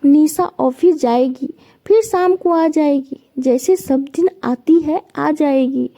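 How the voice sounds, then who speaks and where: A woman's voice: high-pitched, slow, warm tone. A woman reading as a practical, money-minded son. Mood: annoyed. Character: middle-aged son, dutiful but money-minded.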